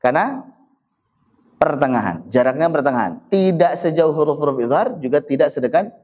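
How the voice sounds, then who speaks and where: A man gives a Quran recitation lesson in a slightly high voice. He keeps asking himself questions and answering them at once. He stretches out each Arabic example word slowly. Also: expressive, a little mellow. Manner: asks and answers his own questions. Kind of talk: tajwid lesson.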